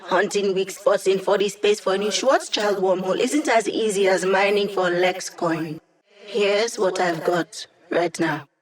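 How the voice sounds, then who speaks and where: A woman's voice: mid-range voice, lightly acted. A woman voicing a digitized young female hacker in a video game, a wry, upbeat ally with casual, techy chatter. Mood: focused, informative.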